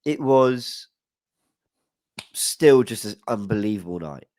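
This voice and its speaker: Slow, expressive and slightly mellow, this lowish male voice belongs to a young man joining a football podcast by video call from home. Hay fever has him bunged up, and he rambles nervously with many apologies. A studio mic with headset captures him with no echo.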